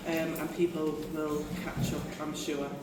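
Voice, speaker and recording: A British woman, a union general secretary, chairs a conference fringe meeting, reading prepared remarks in a low, flat, unhurried voice with frequent restarts and asides to the audience. The recording comes from far off in an echoey, noisy meeting hall.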